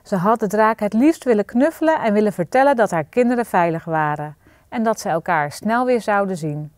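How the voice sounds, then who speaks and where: A woman reading a children's story aloud, expressive and lively. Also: medium pitch, a little fast, dry recording.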